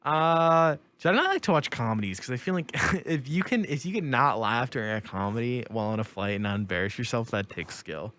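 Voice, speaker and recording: A man's voice: medium pitch, lively intonation, a little fast, hardly any pauses, a bit bright. Chatty young man who laughs a lot. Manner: laughs often, rambling storyteller. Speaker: co-host. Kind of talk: casual chat.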